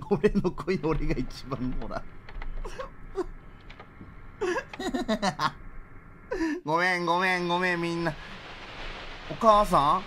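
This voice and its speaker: A man streaming a horror game, reacting with excitable, jumpy outbursts and rapid joking asides. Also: sits high, a little hiss or hum. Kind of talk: live horror game commentary.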